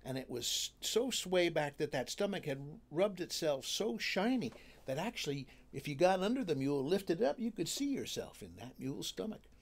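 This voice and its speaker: A man telling a folk tale in a folksy, drawling, animated way. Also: a little high, normal speed, gravelly. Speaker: storyteller.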